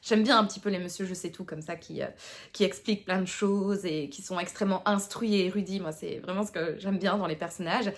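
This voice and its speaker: A young book vlogger from Tournai, Belgium, talks casually to camera about her reading, with a Tournai Picard (Belgian French) accent. Her female voice is lowish and fairly even in intonation, a little fast, chatty and self-mocking, full of hesitations, fillers and restarts.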